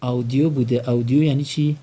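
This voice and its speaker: In this vocabulary lesson, a man runs call-and-response drills, quizzing students on English words and having them echo each one. His mid-range voice is mellow and husky, with fairly even intonation.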